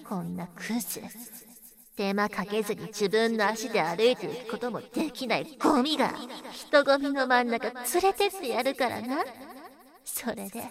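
A young woman playing a cruel, domineering woman in an audio role-play, speaking in a coarse, mocking, contemptuous way. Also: on the high side.

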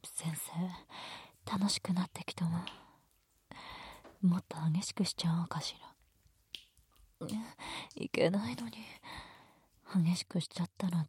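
A woman voicing a teasing, domineering female teacher in a whispered roleplay, speaking in a soft, breathy, bossy way. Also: on the low side, slow pace, long pauses, no echo, full character voice. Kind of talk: erotic ASMR roleplay.

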